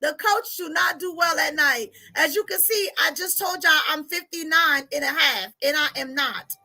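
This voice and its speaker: A woman, hosting a casual livestream as a life coach, chatty and animated with frequent laughter. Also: sits high, normal speed. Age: 40s. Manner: animated, laughing, chatty, reads comments aloud.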